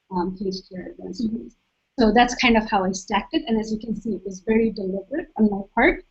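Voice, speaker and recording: A soft-spoken young woman from Saudi Arabia, speaking as a guest and calmly explaining her own experience. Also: mid-range voice, breathy edge. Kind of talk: webcast talk. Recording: dull lo-fi webcast audio.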